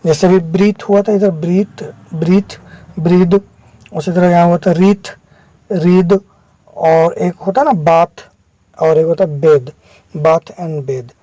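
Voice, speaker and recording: Male tutor, mellow tone, dry close recording, patient step-by-step vocabulary explainer. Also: a little high, steady tone, slow pace, dry recording. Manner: explains step by step, checks in with viewers. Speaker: English vocabulary teacher.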